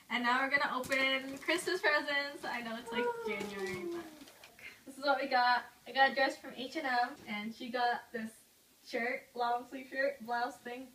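Young female vlogger, high voice, casual chat, noisy handheld audio. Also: sharp tone. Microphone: handheld camera.

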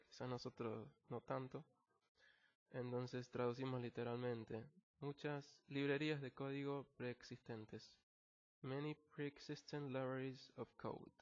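A Latin American man teaching an English lesson over slides, explaining slowly, repeating words and restarting phrases. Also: medium pitch. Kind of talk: recorded online lesson. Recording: dull lo-fi recording.

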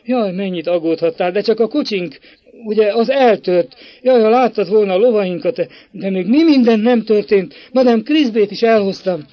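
A male audiobook reader voicing an excited, chatty young girl in a classic novel. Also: sits high, muffled recording, pitched above the performer's own voice, exaggerated voice.

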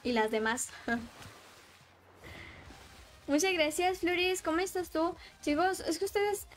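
Excitable high-voiced woman gaming streamer. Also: slow, slight background noise. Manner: excitable, shrieks and laughs while playing, chats with viewers. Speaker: livestreaming gamer. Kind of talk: casual gaming livestream chat.

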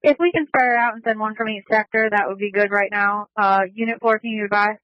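Mid-pitched voice on dull scanner radio. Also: fairly even intonation, fast, no echo. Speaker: emergency services radio user. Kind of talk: radio coordination. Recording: muffled scanner radio audio.

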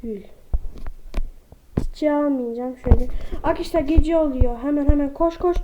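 A gaming vlogger with a high-pitched voice gives casual gameplay commentary at a moderate pace, chatting with her viewers as if they were friends and exclaiming at animals. She sounds slightly under the weather, and the lo-fi recording is dull with faint noise.

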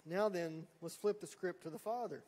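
A man's voice: high-pitched, moderate pace, a little mellow. A middle-aged man preaching a sermon, telling folksy stories and acting out quotes. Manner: folksy storytelling with acted quotes. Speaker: pastor. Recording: long hall reverb.

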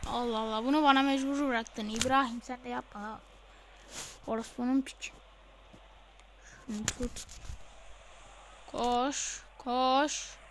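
Woman gamer, high voice, unhurried between outbursts, excitable, swearing at the game. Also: slight background noise. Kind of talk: live football video game commentary.

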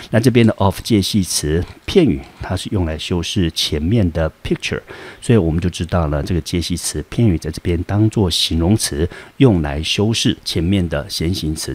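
A man's voice: deep voice, a little mellow, breathy edge. A man teaching an English grammar lesson, explaining step by step and asking rhetorical questions as he goes. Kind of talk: classroom lecture explaining grammar.

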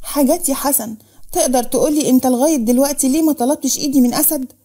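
A woman's voice: sits high, very fast, warm tone, lightly acted. A woman voicing a sensible young woman friend with an Egyptian accent, reasoning and teasing, in a storybook reading.

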